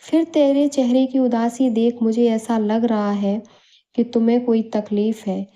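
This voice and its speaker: Woman doing a caring storybook mother: mellow, coaxing, soft questions. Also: on the high side, fairly even intonation, unhurried, close to an everyday voice. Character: caring middle-aged mother, gentle and coaxing.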